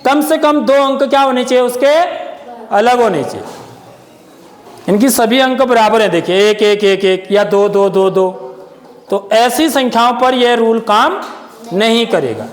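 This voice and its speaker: Male maths teacher with a very high voice, keeps checking with the class, long room reverb. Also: a little slow. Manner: keeps checking understanding with questions. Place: classroom with pupils answering.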